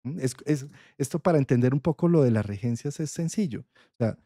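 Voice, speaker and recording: A man with a Colombian accent talks through an astrology lesson in a relaxed, conversational way, pausing often to check that his listeners follow. His voice is mellow and warm, recorded close and dry with no room sound. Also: medium pitch, no echo. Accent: Colombian Spanish. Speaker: astrology teacher.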